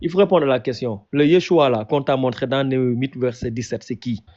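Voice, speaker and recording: A man's voice: medium pitch, brisk, darkish tone. A man in a heated religious debate who keeps cutting in, repeating "listen" to take the floor. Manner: emphatic, repeats "écoute" to cut in. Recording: muffled lo-fi audio.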